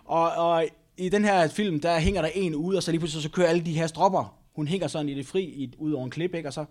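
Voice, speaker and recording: Danish-speaking man preaching a lively sermon. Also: on the high side. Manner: storytelling, tag questions, repetitions. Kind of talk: sermon with personal story.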